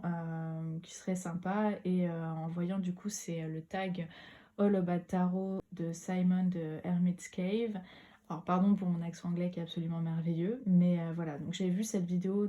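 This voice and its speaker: Woman, young adult, casual vlog chat, hesitant, lots of fillers, slightly low voice. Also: mellow. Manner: hesitant, many fillers and restarts. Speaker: tarot vlogger. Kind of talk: casual video monologue.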